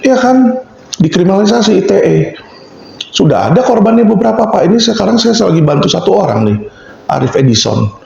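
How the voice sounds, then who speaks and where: Gravelly, emphatic advocate man in an echoey room. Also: high-pitched, brisk. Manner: emphatic, animated, acts out quoted voices. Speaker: advocate, interview guest. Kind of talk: impassioned interview talk. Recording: dull, echoey room sound.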